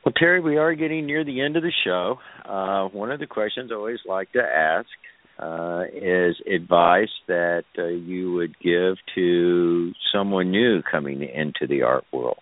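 Low-voiced male interview host, encouraging, soft-spoken; dry phone-line audio. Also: a little slow, no echo.

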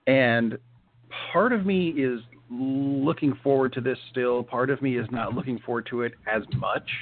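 A man's voice: medium pitch, normal speed, slight background noise. A man co-hosting a casual chat show, talking with many fillers and restarts. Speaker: podcast co-host. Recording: tinny phone-like sound.

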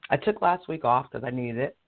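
Hoarse, chatty man on a phone-quality line. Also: mid-range voice, lively intonation, fairly quick. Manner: chatty, laughs often, restarts sentences. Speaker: career coach and show host. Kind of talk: casual live-stream talk.

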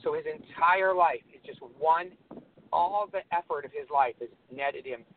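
A man calls in and rants with scorn, piling one phrase on the next. His voice sits a little high. It comes through a narrow, tinny phone line with faint hiss. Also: normal speed. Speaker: caller. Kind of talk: casual political rant.

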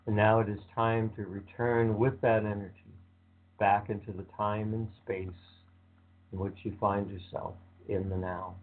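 A man leading a guided visualization meditation with slow, calm, soothing instructions. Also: lowish voice. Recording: tinny phone-like sound.

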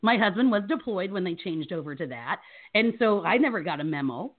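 A woman guest telling comic stories in an animated way, acting out the people she quotes. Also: lowish voice, brisk. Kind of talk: comic storytelling. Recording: thin phone-like audio.

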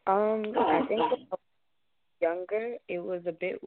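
A woman's voice: medium pitch, steady tone, measured pace, background noise. A young woman with a Zambian-American accent answers interview questions conversationally, in a reflective, slightly hesitant way over a phone line. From United States, born to Zambian parents. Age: young adult. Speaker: roundtable guest. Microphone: phone call.

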